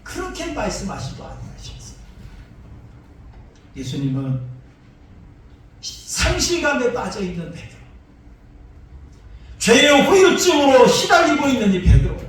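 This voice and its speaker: A man's voice: extremely high pitch, fairly bright tone, distant mic. A man preaching a sermon as pastor, with an emphatic, repetitive cadence, in a church sanctuary. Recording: echoey church hall, voice from afar.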